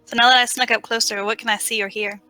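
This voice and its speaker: A woman's voice: a little high, steady tone, quick pace, sharp tone, no echo, faint music behind, rough recording. A woman playing a tabletop game, describing her character's moves and correcting herself as she goes. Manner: restarts and self-corrections while describing actions. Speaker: player. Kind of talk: casual tabletop game play.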